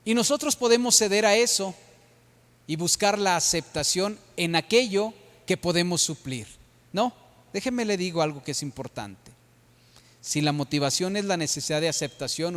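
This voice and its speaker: A middle-aged Mexican pastor preaches with a high-pitched voice, often asking his congregation for agreement with tag questions. His voice carries the long reverb of a church hall. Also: a bit bright. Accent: Mexican Spanish. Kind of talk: sermon.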